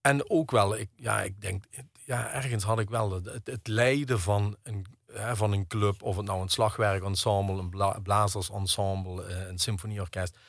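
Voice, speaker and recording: Middle-aged man, low gravelly voice, halting interview talk, dry close sound. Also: steady tone, fairly bright tone, dry recording. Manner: hesitant, many fillers and restarts. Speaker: guest, percussionist and conductor. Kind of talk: radio interview conversation.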